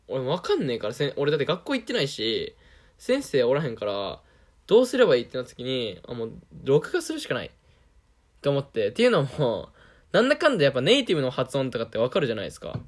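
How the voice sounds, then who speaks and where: A young man with a Kansai Japanese accent, talking in a casual, self-deprecating monologue and laughing often. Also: mid-range voice.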